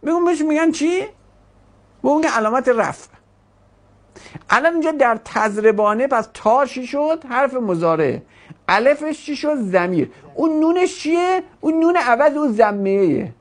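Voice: sits high, animated. A teacher giving a grammar lesson to a class, asking questions and drawing out words while explaining.

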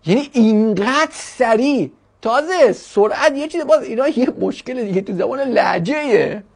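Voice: mid-range voice, darkish tone. A language teacher giving a chatty classroom lecture, asking rhetorical questions and joking with the students.

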